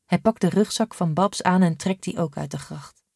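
A woman narrating a first-person audiobook in a steady, measured way. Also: on the low side, vocal fry, breathy edge, dry recording, studio quality. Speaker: audiobook reader.

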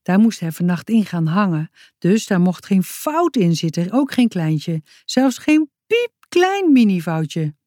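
Woman reading a kids' story, expressive and lively, dry close sound. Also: on the low side, a little slow, hardly any pauses, dry recording. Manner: expressive, lively read-aloud. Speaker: narrator.

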